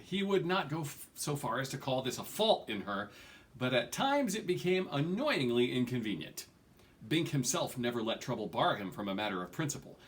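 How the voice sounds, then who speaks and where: Reading a fantasy novel for an audiobook, a man in his forties sounds very animated in his mid-range voice and keeps a moderate pace. There's dramatic emphasis and the occasional stumble, all captured at a desk in a small, furnished room at home.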